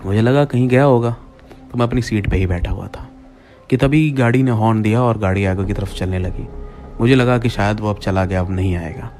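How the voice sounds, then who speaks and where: A man telling a first-person horror story, often addressing his listeners as friends and pausing for drama. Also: fairly low pitch, darkish tone, soft background music.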